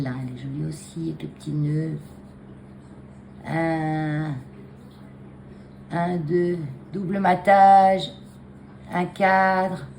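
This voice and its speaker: A woman with a somewhat low voice talks casually into a phone propped on a stand at her desk. She hesitates, restarts and fills pauses as she goes. A faint hiss sits under the room. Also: warm tone. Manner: chatty, hesitant, many fillers and restarts. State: clearing a frog in her throat. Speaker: craft vlogger showing cards. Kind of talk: casual chat to camera. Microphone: phone camera on a taped stand.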